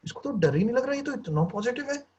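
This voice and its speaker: A man's voice: extremely high pitch, big pitch swings, fast, a little mellow, breathy edge, pitched above the performer's own voice, exaggerated voice. A man voicing an arrogant, mocking male demon king who taunts and threatens a bound captive, over muffled lo-fi video call audio. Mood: furious.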